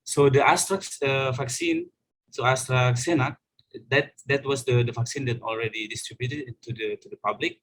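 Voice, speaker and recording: A young student with an Indonesian accent presenting hesitantly in a casual class call, with many fillers. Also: male voice, medium pitch, steady tone, moderate pace, fairly bright tone, low-quality recording. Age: young adult. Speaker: student panelist.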